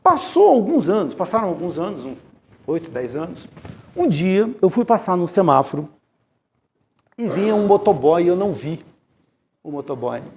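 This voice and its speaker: A man's voice: sits high, big pitch swings, normal speed, vocal fry, pauses often, darkish tone, a little hiss or hum. A man with a Brazilian Portuguese accent giving a conversational lecture at a spiritist center, telling personal stories and speaking straight to the audience. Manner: storytelling, speaks directly to the audience. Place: spiritist center meeting room.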